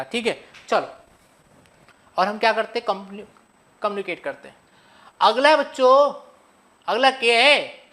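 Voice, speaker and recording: High-voiced man teaching exam physics. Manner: lively, asks students questions and answers them; playful, calls students buddy and kids. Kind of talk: exam revision lecture.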